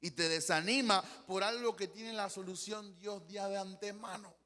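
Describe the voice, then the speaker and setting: A man's voice: high voice, fairly even intonation, moderate pace, sharp tone, in a large hall. A man with a Panamanian Spanish accent preaching a sermon as pastor, passionate and acting out quotes as he goes. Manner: impassioned preaching with acted-out quotes.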